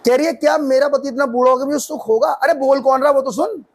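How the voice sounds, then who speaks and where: Very high-voiced man preaching a sermon. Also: fast talker. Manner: preaching with rising emphatic questions. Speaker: pastor.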